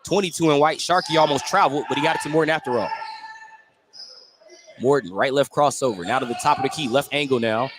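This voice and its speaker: Speaking fast in a mid-range voice, a man delivers live radio play-by-play of basketball from courtside at a school gym. He narrates each move in short, detailed bursts, and the live gym audio is noisy.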